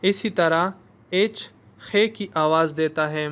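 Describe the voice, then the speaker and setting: A male language teacher giving a slow, explanatory recorded lesson and modeling sounds for learners to repeat. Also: a little high, fairly bright tone, clean tone.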